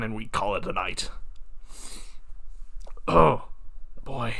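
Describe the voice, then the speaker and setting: A man's voice: on the high side, a bit bright. A man reading computer-written stories aloud at his desk, amused and laughing between lines. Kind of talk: casual reading with commentary.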